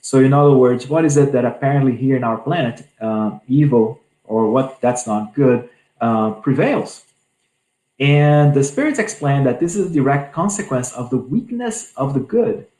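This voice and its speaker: A man's voice: medium pitch, moderate pace, dark tone, echoey room, poor audio. A man giving an earnest spiritual talk on a scripture passage, often restarting his phrases. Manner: earnest, repeats and restarts often, many fillers. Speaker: spiritist speaker.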